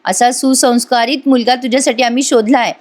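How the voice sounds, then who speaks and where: A woman's voice: fairly high pitch, fairly even intonation, brisk, a little mellow, close to an everyday voice. A woman voicing a coaxing older father. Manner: coaxing, lecturing. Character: gentle older father lecturing his daughter.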